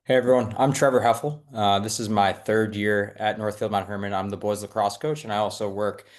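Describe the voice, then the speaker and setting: Relaxed low-voiced man coach. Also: a little fast. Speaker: lacrosse coach and admissions staff. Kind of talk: webinar panel introduction.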